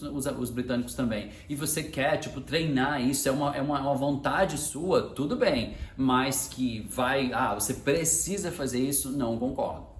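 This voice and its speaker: A man with a Brazilian Portuguese accent teaching English pronunciation in a chatty, explanatory way, demonstrating words aloud. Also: mid-range voice. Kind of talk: online pronunciation lesson. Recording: echoey room, faint music.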